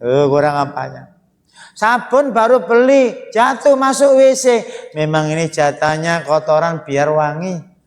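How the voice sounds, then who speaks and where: Fairly high-voiced male preacher, animated joking sermon, lingering hall echo. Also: measured pace. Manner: animated, joking, lively swings of tone. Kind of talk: humorous sermon. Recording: long hall reverb.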